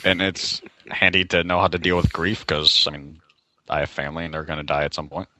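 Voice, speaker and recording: A man's voice: a bass voice, level tone, brisk, bright, forceful tone, no room sound. A young man co-hosting a casual podcast over an online call, blunt and swearing freely. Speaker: podcast co-host. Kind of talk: casual chat.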